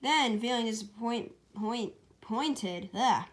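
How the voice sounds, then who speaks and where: Taking it slowly, a woman with a slightly high voice reads aloud a story she wrote herself as an amateur. The delivery is informal, like a casual storybook read-aloud, with occasional stumbles over the text.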